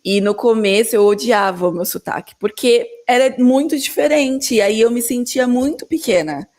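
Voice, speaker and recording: A woman's voice: fairly high pitch, moderate pace, darkish tone. A woman chatting casually in an interview. She speaks in a reflective, affirming way.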